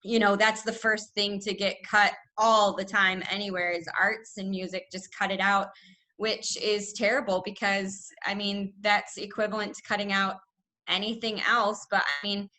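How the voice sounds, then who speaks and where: Chatty woman with a bright voice. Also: medium pitch, moderate pace. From United States. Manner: chatty, laughs often, animated asides. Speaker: student. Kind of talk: casual class discussion on video call. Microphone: video call.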